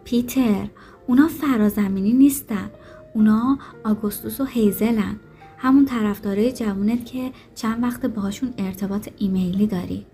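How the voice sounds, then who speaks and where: A woman reading an audiobook, voicing a young female assistant with a slight Dutch accent who speaks calmly and firmly. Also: mid-range voice, faint music behind, natural voice.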